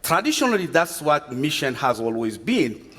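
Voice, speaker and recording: A man from Chad giving a guest sermon, speaking earnestly and measured, often restarting his words. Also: a little high, big pitch swings, a bit bright, breathy edge. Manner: earnest, measured delivery with frequent restarts and fillers. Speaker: guest preacher from a refugee agency. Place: church sanctuary. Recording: long reverb from a church sanctuary.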